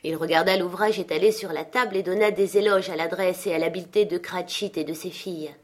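A woman reads a classic novel aloud in calm, measured audiobook narration. Her voice sits fairly low for a woman. She keeps a steady storybook pace throughout. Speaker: audiobook reader.

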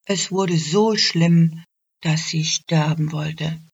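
A woman narrates a radio fairy tale in a calm, measured way. Her voice is low and unhurried. The recording sounds dull and lo-fi. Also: gravelly, slightly rough. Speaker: storyteller.

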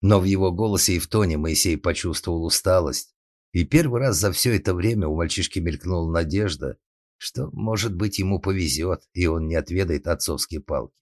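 Deep-voiced male audiobook narrator. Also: a little fast, darkish tone, dry recording, clean studio sound.

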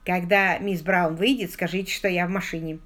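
A woman voicing a jealous, hot-tempered young gentleman who sulks and blusters. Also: fairly low pitch, fairly even intonation, moderate pace, close to an everyday voice. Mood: sulky. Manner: sulky, blustering.

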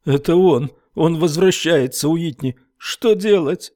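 A man voicing a terrified man who cries out in a shrill, panicked way. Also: slow, mellow.

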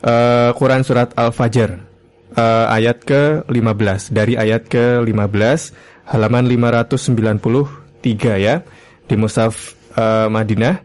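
A man's voice: medium pitch, fairly even intonation, darkish tone. Polite male radio host. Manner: polite, measured, addresses listeners directly. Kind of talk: live radio hosting of a religious lesson.

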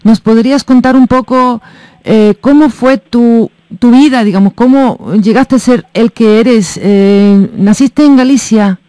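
A man's voice: very high-pitched, unhurried, warm tone, clean tone, no room sound. A man working as a radio interviewer, who prompts his guest with hesitant questions. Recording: radio broadcast.

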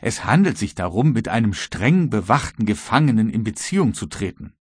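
A male audiobook reader voicing a worried but resolute ship captain, with a husky voice. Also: fairly low pitch, big pitch swings, a little fast, darkish tone, no room sound, studio quality. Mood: earnest. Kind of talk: audiobook reading.

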